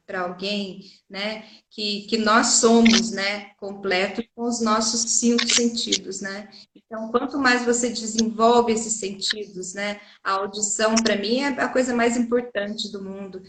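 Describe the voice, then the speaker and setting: A woman teacher speaks with a Brazilian Portuguese accent, slightly higher-pitched than most. She explains earnestly, piling up examples and tag questions. The room around her rings with echo. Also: background noise. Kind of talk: interview conversation. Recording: echoey room.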